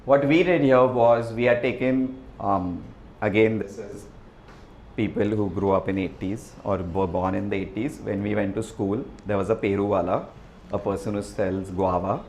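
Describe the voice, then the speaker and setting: A man giving a relaxed, chatty presentation to an audience, often asking "right?". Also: on the low side, moderate pace, slight background noise. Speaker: restaurant founder giving a talk. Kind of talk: presentation with slides. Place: event hall with an audience. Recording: echoey hall, faint ambience.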